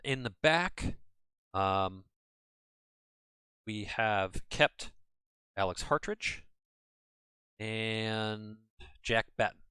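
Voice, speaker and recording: The man draws out his words and pauses often, his lowish voice pushed, bright and smooth, with no echo. He's an American gaming host casually commentating a let's-play from home, rambling chattily and often correcting himself.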